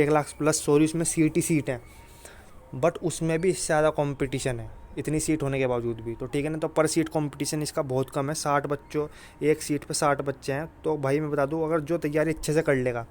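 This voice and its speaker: This man's voice is somewhat high with a darkish tone, and a faint hiss or hum sits in the recording. Like a coach, he gives casual exam advice, emphatically repeating himself and often speaking straight to listeners with reassuring filler address.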